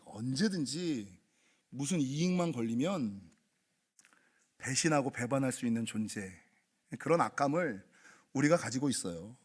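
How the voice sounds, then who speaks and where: A man's voice: a little high, husky. A man, the senior pastor, preaching a sermon in an emphatic, repetitive, storytelling way.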